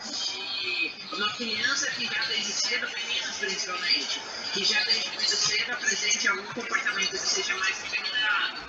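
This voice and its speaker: A woman in her thirties chatting casually on an online call, telling stories with quick asides. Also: medium pitch, reverberant, distant mic, loud music behind the voice, rough recording. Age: 30s. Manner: animated storytelling, quick asides. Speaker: reading group participant. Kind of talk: casual chat.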